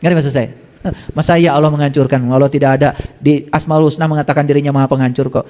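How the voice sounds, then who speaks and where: A man preaching a sermon to a live audience, quizzing listeners and swinging between high exclamations and low asides. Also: fairly even intonation, fast, mellow. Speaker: Islamic preacher. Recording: long hall reverb.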